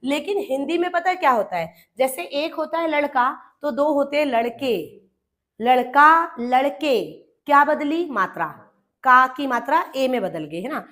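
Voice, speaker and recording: A woman's voice: sits high, lively intonation, normal speed, a bit bright. A young Indian woman teaching an exam-prep grammar lesson, who explains step by step, calls her students "beta" and asks and answers her own questions.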